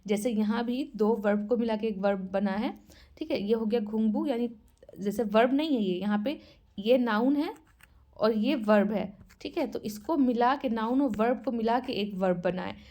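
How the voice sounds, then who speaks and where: A woman's voice: a little high, normal speed, warm tone. A woman, teaching a casual online language lesson, patiently repeating each word and its meaning. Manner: mixes Hindi and English.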